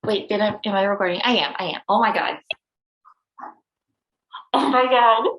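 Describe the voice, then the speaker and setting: A woman chatting casually on a video call, excitable and playfully teasing. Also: mid-range voice, normal speed, dull audio. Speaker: book channel host.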